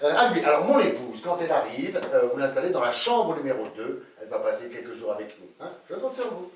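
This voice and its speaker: Actor as a smooth-talking skirt-chasing surgeon, lively sing-song delivery, echoey stage heard from far off. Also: male voice, mid-range voice, fast, a little hiss or hum, natural voice. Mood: teasing. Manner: playful, teasing, chuckles often. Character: flirtatious middle-aged male cosmetic surgeon. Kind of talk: live stage comedy acting.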